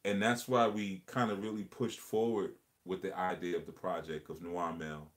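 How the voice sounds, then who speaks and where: Speaking at a normal pace in a low voice with a level tone, the host of a casual livestream discussion comes across as earnest and reflective. He tends to repeat words as he works his way through a point.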